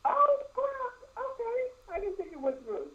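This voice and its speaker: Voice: very high voice, huge pitch swings, measured pace. Distant caller, phone held away. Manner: hesitant, confused about being on air. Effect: phone held far from the mouth, sounding distant. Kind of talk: call-in show caller. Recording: tinny phone line, distant from mic.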